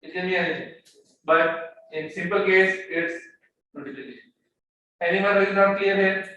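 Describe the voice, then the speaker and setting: He speaks at a normal speed in a high, pushed, bright voice while lecturing on economics. His step-by-step explanations mix English and Hindi-Urdu, with frequent repeated words as he searches for the next. A very echoey room, faraway mic and faint background noise shape the sound.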